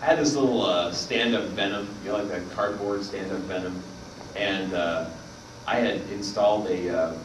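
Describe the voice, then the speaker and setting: A man's voice: deep voice, normal speed. A man telling a long story at a convention panel, rambling with many fillers. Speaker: panel guest. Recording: echoey hall from far off, noisy.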